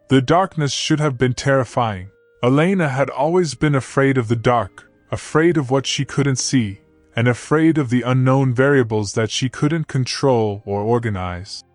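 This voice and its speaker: A man reading a romance story aloud in a slow, dramatic, lingering way, at an ordinary middle pitch. The recording is close and dry, with faint music playing underneath. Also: no room sound. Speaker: narrator. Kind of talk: scripted romance narration.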